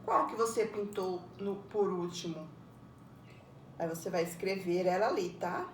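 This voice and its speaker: A woman's voice: on the low side, unhurried. A woman teacher, giving a patient step-by-step lesson to young pupils and often checking with a tag question. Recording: roomy echo, far from the mic, faint background noise.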